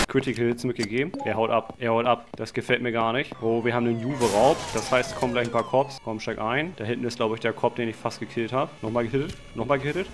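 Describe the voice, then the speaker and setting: A man giving excited Let's Play commentary on a game, talking to his viewers as friends, with slangy asides and sudden shouted outbursts. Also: mid-range voice, background noise. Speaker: gaming channel host.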